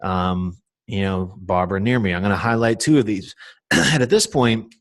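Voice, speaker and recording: A man's voice: lowish voice, moderate pace, dry recording. A man giving a casual screen-share tutorial on search marketing, rambling with lots of fillers and self-mocking asides. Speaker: SEO instructor.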